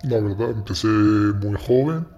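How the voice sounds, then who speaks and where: A man from Morocco, telling his story in an interview in a halting way, repeating words. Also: on the low side, mellow, highs cut off, faint music behind. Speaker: interviewee, former smuggler. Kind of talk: interview testimony.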